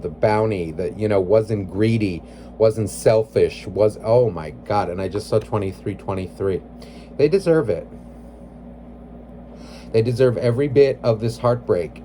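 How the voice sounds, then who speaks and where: A man's voice: fairly low pitch, dark tone, a little hiss or hum. A man giving a casual tarot reading, rambling with many "like"s and "you know"s, blunt and emotionally invested. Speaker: tarot reader.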